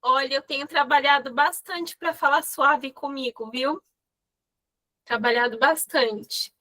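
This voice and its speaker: Bright high voice, woman chatting candidly on a class call. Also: unhurried. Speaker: class participant. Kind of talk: casual sharing on a call.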